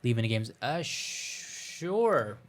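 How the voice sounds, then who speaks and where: Speaking slowly in a medium-pitched, sing-song voice, this man hosts a game playthrough and reads out a visual novel. His asides are casual, dry, and self-mocking, and a scratchy throat keeps him clearing it frequently as music plays in the background.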